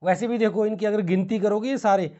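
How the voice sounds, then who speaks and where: An Indian-accented man spells out words and slowly explains English grammar to a classroom, switching between Hindi and English. His voice sits high with a warm tone, captured in lo-fi sound.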